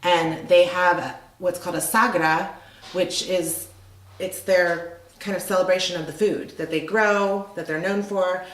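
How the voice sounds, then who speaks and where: A woman's voice: on the low side, steady tone, measured pace, roomy sound, poor audio. A middle-aged woman who owns a restaurant, talking casually in an interview, rambling and chatty with lots of fillers. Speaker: restaurant owner.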